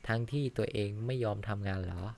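A man voicing a gravelly, scornful cartoon boss. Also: lowish voice, quick pace, darkish tone. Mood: scolding. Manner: scornful, insulting, barking. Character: harsh bullying middle-aged male boss. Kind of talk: Thai fan dub of an animated series.

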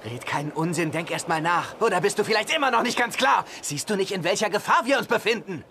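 A man's voice: high-pitched, animated, fast talker, creaky, sharp tone, slight background noise, full character voice. A man dubbing a hot-headed young man in a film, bickering and sarcastic. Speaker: dub actor. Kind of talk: German film dub.

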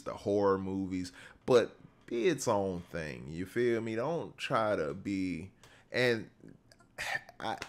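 A man from the American South with a Southern accent, chatting casually to viewers in a film reaction, full of fillers and restarts. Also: sits low. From Southern United States. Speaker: movie reaction streamer.

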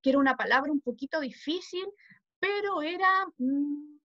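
A woman's voice: high-pitched, normal speed, no echo, lo-fi sound. A woman with a Chilean Spanish accent teaching preschoolers, coaxing them with questions. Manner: coaxing, asks the children questions. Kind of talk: class for small children.

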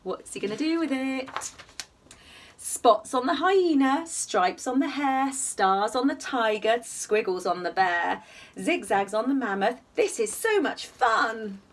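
Reading slowly to little ones at bedtime, a high-voiced woman storyteller performs a picture book expressively, in a lively singsong way that poses questions to the listener. She was recorded indoors in a small home attic by a camera set a short distance away.

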